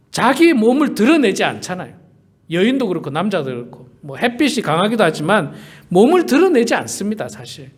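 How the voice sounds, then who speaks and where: A male pastor preaching a sermon, stressing key words by repeating them and asking the congregation rhetorical questions. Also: high voice.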